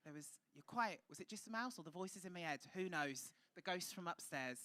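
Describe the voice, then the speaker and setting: A man with a high-pitched voice hosting a live stand-up night, teasing the crowd with cheeky, camp, sweary banter on a comedy club stage. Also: expressive, a little fast, pushed and bright. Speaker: comedy host.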